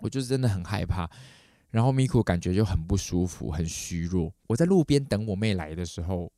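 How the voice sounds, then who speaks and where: A man tells a story on his podcast at a rapid clip. His voice sits low and mellow, and it is recorded dry and close. He acts out the other people in the story with sudden leaps in pitch. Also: no echo. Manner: animated, acts out quoted voices with big pitch jumps. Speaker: podcast host. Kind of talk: casual storytelling.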